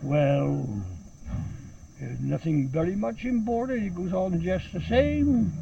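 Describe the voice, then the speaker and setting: A man's voice: high-pitched, lively intonation, slow, vocal fry, warm tone. An older Welsh man giving casual interview answers, often repeating his short phrases. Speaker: town crier being interviewed. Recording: muffled, noisy, distant field recording.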